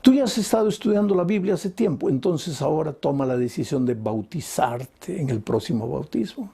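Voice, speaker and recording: Male preacher, husky and a little high, pleads and pushes hard in sermon style. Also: animated, moderate pace, dark tone. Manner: emphatic and pleading, voice swinging high and low. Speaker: pastor. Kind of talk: evangelistic sermon.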